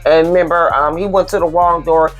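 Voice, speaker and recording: A woman's voice: lowish voice, steady tone, fairly quick, dull audio, faint music behind. A woman co-hosting a podcast, talking in an easygoing, plain-spoken way and laughing often. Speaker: podcast co-host. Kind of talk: casual chat.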